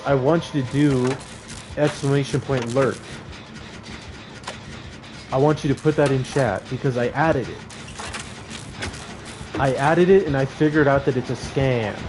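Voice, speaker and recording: A young man streams a game, joking with his chat and laughing often between calls to his teammates. His voice is medium-pitched, his pace measured with frequent pauses, and music plays in the background.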